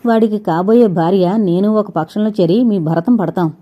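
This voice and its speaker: A woman's voice: mid-range voice, normal speed, lo-fi sound, close to an everyday voice. A woman voicing a peevish young husband who grumbles and complains in a storybook reading. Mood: grumbling. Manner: whiny, indignant.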